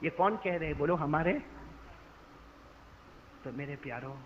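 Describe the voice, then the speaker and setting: A man preaching an emotional storytelling sermon, dramatic, acting out the voices and swinging from hushed lines to shouting, recorded in a large gathering hall. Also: fairly high pitch, a little slow. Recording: dull lo-fi hall with long reverb and faint noise.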